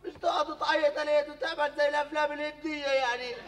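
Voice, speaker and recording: Brief: a naive young Jordanian hothead, very high and fast, stage hall with a faint audience. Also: male voice, fairly even intonation, a faint crowd. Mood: complaining. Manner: loud, blustering, quick to flare up. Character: naive excitable young man, homeless drifter. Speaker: comic actor. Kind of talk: televised stage comedy.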